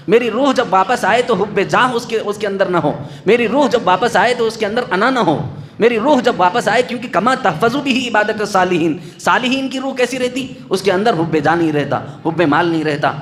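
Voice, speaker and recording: High-voiced male preacher with rhythmic phrasing. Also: a bit bright. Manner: rhythmic repeated phrases, recites Arabic supplications, chuckles often. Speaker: Islamic preacher. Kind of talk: Urdu sermon.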